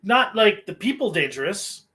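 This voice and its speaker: A man in casual podcast chat, telling a work story in a slow, drawn-out way. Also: sits high, big pitch swings, pushed and bright.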